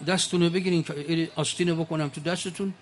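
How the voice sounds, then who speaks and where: A man voicing a sly tailor who flatters a king into wearing nothing. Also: fairly high pitch, a little hiss or hum, natural voice. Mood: flattering.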